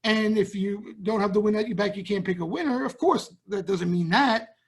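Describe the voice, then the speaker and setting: A man's voice: sits high, moderate pace, husky. A man with a Brooklyn accent hosting a trading show, talking casually and bluntly to viewers and often checking in with "right?". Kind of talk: casual market talk to viewers.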